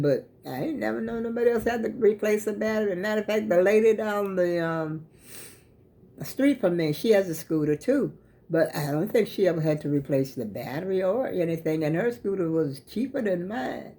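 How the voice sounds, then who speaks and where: A woman's voice: lowish voice, lively intonation, normal speed, mellow. An American woman with plugged-up sinuses, chatting casually to her viewers in a folksy, rambling way. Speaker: vlogger. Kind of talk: casual chat vlog to viewers.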